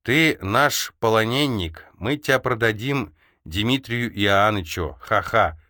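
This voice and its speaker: A man voicing a gruff, mocking middle-aged Cossack ataman with a folksy, boisterous way of talking. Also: lowish voice, animated, takes it slowly, pushed and bright, no echo, clean studio sound, full character voice.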